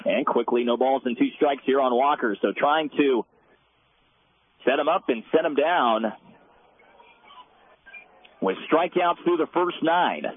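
A man giving brisk, stat-heavy play-by-play of a softball game, heard as a loud, dense radio broadcast. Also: mid-range voice, slightly rough. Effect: loud dense radio broadcast sound. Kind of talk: live softball commentary. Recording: narrow tinny radio band, faint hiss.

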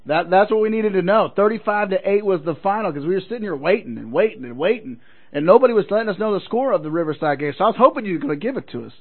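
A high-voiced man hosts a live sports call-in show. He talks in a casual, folksy, encouraging style and likes to repeat a phrase. The audio is narrow and phone-like. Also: animated, racing.

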